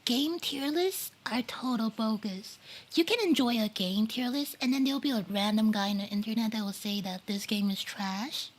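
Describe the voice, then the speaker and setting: A woman's voice: on the high side, moderate pace. A woman streaming live, chatting casually and rambling about games while reading chat messages aloud, with many fillers and some whispered asides. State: eating while talking. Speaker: livestreamer.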